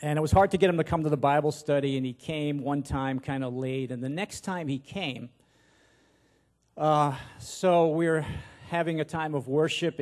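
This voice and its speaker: Into a handheld microphone at the pulpit of a big church auditorium, a pastor in his sixties gives a casual, folksy sermon, hesitant and self-deprecating. His voice is a little high and a little mellow.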